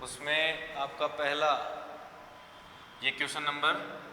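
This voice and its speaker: A man's voice: a little high, flat delivery, bright, forceful tone. Hindi-speaking male teacher dictating answers. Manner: explains slowly, repeats answers for dictation. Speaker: school teacher. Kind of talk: online class lesson. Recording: echoey room with faint background hum.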